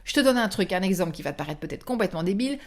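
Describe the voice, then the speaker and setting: A woman hosting a motivational podcast, speaking directly to the listener in an animated, coaxing way and acting out inner thoughts. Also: mid-range voice, very fast. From France. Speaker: podcast host and coach.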